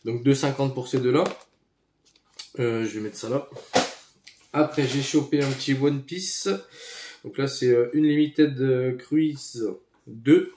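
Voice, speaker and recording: Brief: easygoing male collector, hesitant casual delivery, mid-pitched, roomy echo with faint hiss. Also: unhurried, pauses often. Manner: relaxed, hesitant, many fillers. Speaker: retro game collector YouTuber. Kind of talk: casual show-and-tell commentary. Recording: echoey room, faint noise.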